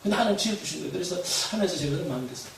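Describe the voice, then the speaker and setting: Animated pastor in an echoing hall. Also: male voice, high voice, very fast. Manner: animated, shouts refrains, laughs while telling stories. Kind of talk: sermon. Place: church hall. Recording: echoey hall, far from mic, faint noise.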